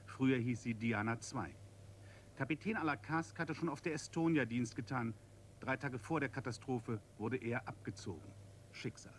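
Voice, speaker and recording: A man's voice: mid-range voice, moderate pace. A man reading scripted television documentary narration in short, clipped phrases. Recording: faint background noise.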